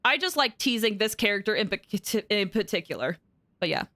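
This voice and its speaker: A young adult woman giving casual, giggly, excitable live reactions as she streams a game. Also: mid-range voice, normal speed, dry recording.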